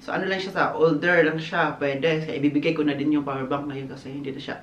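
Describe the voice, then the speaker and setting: Chatty, animated man with roomy echo. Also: a little high, fast talker, lo-fi sound, a little hiss or hum. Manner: chatty, animated, laughs often, mixes English phrases. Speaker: vlogger. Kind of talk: casual birthday vlog chat. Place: outdoors on a windy day. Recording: echoey, roomy sound.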